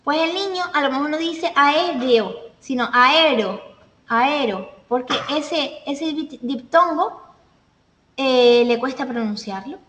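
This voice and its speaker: A woman gives a classroom lecture in a high voice, walking through points with examples and pausing to check her listeners follow. The sound is roomy with a long reverb tail. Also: slight background noise. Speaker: teacher. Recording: echoey room, voice from a distance.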